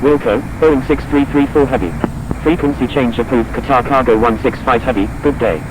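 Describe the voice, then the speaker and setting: Casting: male air traffic radio voice, medium pitch, formulaic and clipped, clear noise behind. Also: moderate pace. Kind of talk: aviation radio phraseology in a flight simulator. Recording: noisy simulated radio traffic.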